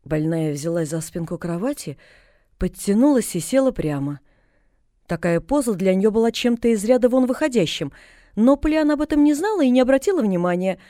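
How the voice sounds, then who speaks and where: A woman narrating a storybook aloud in a calm, even storytelling manner. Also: medium pitch, a little fast, dry recording, clean studio sound. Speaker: audiobook narrator. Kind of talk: scripted narration.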